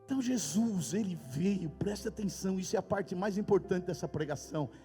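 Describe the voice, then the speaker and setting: A pastor with a Brazilian Portuguese accent, preaching emphatically in a church hall with sudden loud outbursts. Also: male voice, high-pitched, a little fast. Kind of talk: sermon. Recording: reverberant hall with faint music. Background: faint music.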